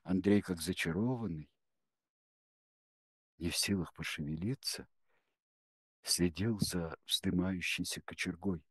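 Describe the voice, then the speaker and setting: A man narrating a novel in a low voice, reading with tense drama. The recording is dry and close, with no room around him. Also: measured pace, long pauses, fairly bright tone, breathy edge, dry recording. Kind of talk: audiobook narration.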